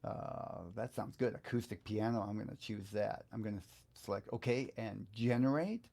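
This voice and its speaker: Soft music sits beneath a low, gravelly, dark-toned male voice speaking at a moderate pace. He's an older guitar teacher, around 50 to 60-something, running an informal live online tutorial from an indoor studio and musing aloud.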